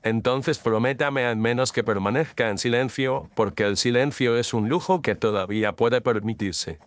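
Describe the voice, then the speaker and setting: In a radio drama, a man with a medium-pitched voice at normal speed plays a cool, exacting, middle-aged detective. The recording is dry and his voice sounds close to everyday speech. He delivers precise, commanding pronouncements in a measured mood.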